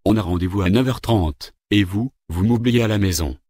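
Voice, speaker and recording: An impatient, grumbling government minister, voiced by a man in a storybook reading. His voice sits low and the recording is dry and close. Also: moderate pace, warm tone, slightly rough, no room sound. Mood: irritated. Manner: grumbling, irritable. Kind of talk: read-aloud story dialogue.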